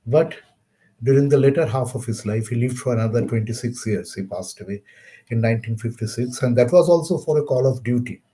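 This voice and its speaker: A man with an Indian accent giving a webinar lecture on science history, measured and halting with pauses. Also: mid-range voice, warm tone. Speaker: webinar speaker.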